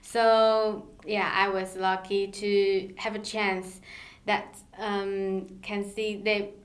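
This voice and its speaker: A woman answers interview questions in a measured, careful way, pausing with small fillers as she builds her sentences. Her voice sits at an ordinary middle pitch. The room around her is noticeably reverberant. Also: flat delivery. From Taiwan. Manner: measured, halting non-native phrasing with fillers. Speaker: startup co-founder, guest. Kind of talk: interview conversation.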